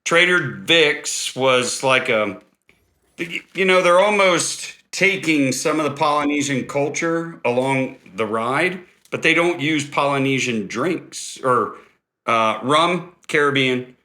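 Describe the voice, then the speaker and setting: Bright-voiced man explaining cocktail history. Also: medium pitch, takes it slowly. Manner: explains history in a relaxed, rambling way. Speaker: cocktail podcast host and bartender. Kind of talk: casual podcast chat.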